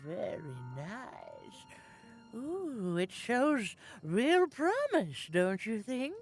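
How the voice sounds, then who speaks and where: An actress playing an odd, cagey rug seller in a video game, with a salesy manner. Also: female voice, on the high side, wildly swooping pitch, extremely slow, gravelly, a little mellow, soft background music, exaggerated voice. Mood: coaxing, sly. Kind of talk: video game character acting.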